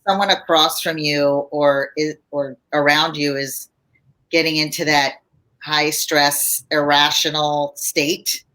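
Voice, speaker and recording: A woman therapist, a guest on a chat show, explaining things calmly in a teaching tone. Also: low voice, slow pace. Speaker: marriage and family therapist guest. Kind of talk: casual advice chat.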